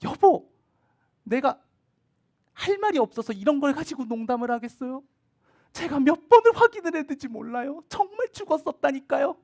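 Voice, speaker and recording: A man's voice: very animated, moderate pace, creaky, darkish tone, full character voice. A man voicing a grieving mother who insists to her husband that their daughter really had died. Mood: insistent. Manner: high, emphatic pleading.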